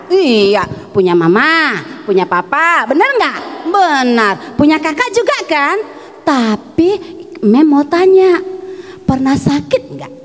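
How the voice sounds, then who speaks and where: A woman's voice: high voice, big pitch swings, slow pace. A woman preaching a children's Sunday sermon, animatedly asking the kids questions. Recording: echoey hall.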